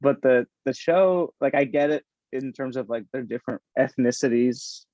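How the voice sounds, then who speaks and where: A man talking loosely on a podcast, animated and rambling, laughing often as he goes. The sound is dry and a little muffled, like a low-fi home recording. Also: normal speed, no echo. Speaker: podcast guest. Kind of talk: casual chat.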